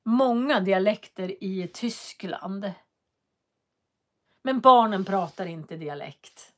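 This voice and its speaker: Woman, livestream host at home, loose and chatty, stops and starts as she reads comments. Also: mid-range voice. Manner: chatty, reads out viewer comments, frequent hesitations. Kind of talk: casual livestream chat. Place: cold home office.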